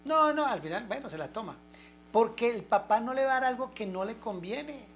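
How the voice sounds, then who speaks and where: A woman's voice: a little high, expressive, brisk, slight background noise. An older woman preaching an informal, homely sermon, often checking that listeners understand.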